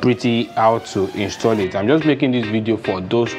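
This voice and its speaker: A young DIY farming instructor with a Nigerian accent talks through a practical demonstration step by step, loose and unscripted. His voice sits on the low side at a normal speed, and he's in an open-sided poultry house with a concrete floor while music plays.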